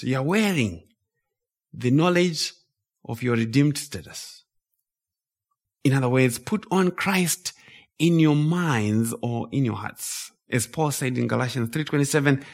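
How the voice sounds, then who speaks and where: Slow-preaching man from Zimbabwe. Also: fairly high pitch, a bit bright. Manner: emphatic, repeats key phrases. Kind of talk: sermon.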